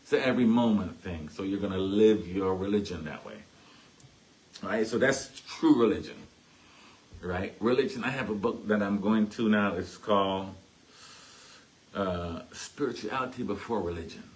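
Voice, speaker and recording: A man's voice: on the low side, normal speed, rough recording. A man with a Caribbean accent giving a casual teaching talk at a spiritualist church, chatty and tagging his points with "right?". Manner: chatty, keeps asking "right?".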